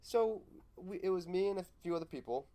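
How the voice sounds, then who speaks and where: A man's voice: high-pitched, lively intonation, fairly quick, warm tone. Rambling young man on a podcast. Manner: rambling with many fillers and restarts. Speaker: podcast co-host. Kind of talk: casual chat.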